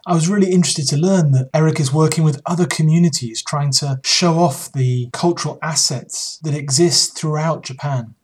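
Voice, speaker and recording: A man hosting a podcast, interviewing a guest and then reflecting on the conversation in an earnest, measured way. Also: fairly high pitch, slightly rough. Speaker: podcast host.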